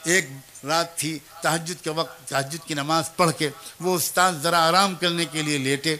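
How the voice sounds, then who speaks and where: A man's voice: on the high side, fairly even intonation, pushed and bright. A man preaching a storytelling sermon, earnest and emotive, turning to address his listeners directly.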